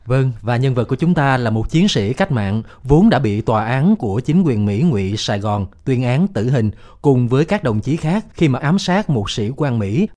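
A man's voice: mid-range voice, lively intonation, normal speed, hardly any pauses, a little mellow, close to an everyday voice. A man hosting a radio program with formal announcing. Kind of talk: scripted broadcast hosting. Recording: faint music behind.

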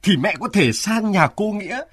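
An actor playing an anxious middle-aged son in a radio drama, talking in a hurried, fussing way with a husky voice. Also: male voice, high voice, lively intonation, fairly bright tone, heavily acted. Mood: coaxing.

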